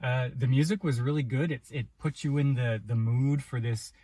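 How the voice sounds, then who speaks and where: A man's voice: mid-range voice, moderate pace, dark tone, no echo. A man co-hosting a casual movie review chat, telling the story in a loose, rambling way. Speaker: podcast co-host.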